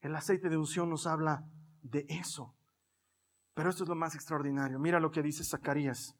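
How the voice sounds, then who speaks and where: Man preaching, kinda high voice, husky, acts out little conversations as he goes. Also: moderate pace. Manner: animated, acts out his own prayers and dialogue. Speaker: pastor. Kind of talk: sermon.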